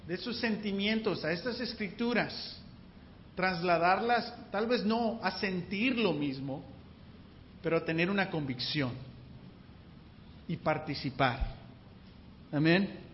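A man preaching a church sermon in a conversational way, often asking the listeners whether they follow and drawing out key words. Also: high voice. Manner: conversational, keeps asking the listeners "you know?"; slow and deliberate, stretching key words. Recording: long hall reverb, dull lo-fi sound, faint background noise.

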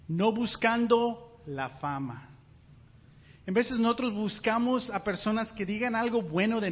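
A man preaching a sermon in an animated way, asking his congregation rhetorical questions. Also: high voice. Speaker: pastor. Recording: muffled sound with long hall reverb.

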